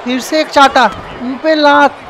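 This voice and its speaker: A man giving excited, casual commentary over a wrestling video game and often shouting. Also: very high-pitched, normal speed. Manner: excitable, shouts often, calls people bhai. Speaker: gameplay commentator. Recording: noisy background with crowd sounds. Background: video game arena crowd and noise.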